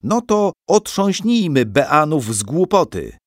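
Mężczyzna czytający audiobooka, grający pompatycznego mistrza ceremonii, który głośno deklamuje. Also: male voice, sits high, huge pitch swings, drawn-out words, no echo, clean studio sound, pitched above the performer's own voice, full character voice. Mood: ceremonial. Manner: loud, declaiming. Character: pompous student master of ceremonies. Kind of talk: audiobook character voice.

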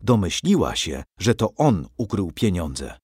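Male storybook narrator, low and very animated, dry close recording. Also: unhurried, husky, no room sound. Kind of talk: storybook reading.

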